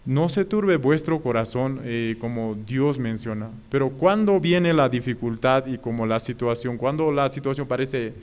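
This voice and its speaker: A man preaching as an evangelist at an online prayer service, speaking haltingly, repeating phrases and often asking his listeners to agree. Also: medium pitch, darkish tone, smooth.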